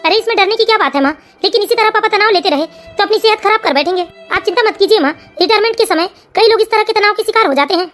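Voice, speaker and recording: A caring young son who lectures his father kindly in an animated family tale, voiced by a woman. The voice is very high and quick, earnest and reassuring. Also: faint music behind. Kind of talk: cartoon family story voice acting.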